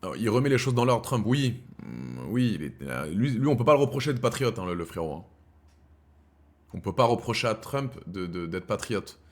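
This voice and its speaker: A man's voice: fairly low pitch, sing-song, normal speed. A man with a French accent hosting a live stream, talking bluntly and casually to his viewers in slang. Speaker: streamer host.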